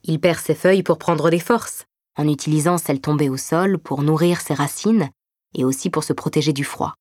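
A woman voicing a gentle older brother who explains things patiently and reassuringly in a narrated story. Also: deep voice, moderate pace, no echo, studio quality. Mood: patient explaining.

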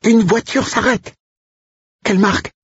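Odile, a man doing a shrieking excitable young cook. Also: high-pitched, measured pace, breathy edge, no echo, muffled recording, pitched above the performer's own voice, heavily acted. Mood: shrill excitement. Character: excitable young woman cook, shrill, gossipy.

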